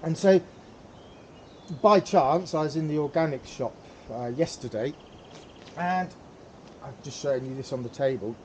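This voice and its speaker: A man's voice: on the high side, measured pace, pauses often, slight background noise. A man hosting a casual how-to demonstration, talking hesitantly with many fillers and repeated words. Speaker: pipe tobacco hobbyist, channel host.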